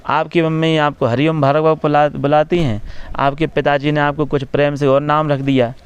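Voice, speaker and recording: Man, religious preacher, fairly high voice, smooth resonant tone, measured devotional talk, slows for verses. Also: flat delivery. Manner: repeats key phrases with "है ना". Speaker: religious preacher giving an interview. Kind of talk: devotional explanation in a press talk.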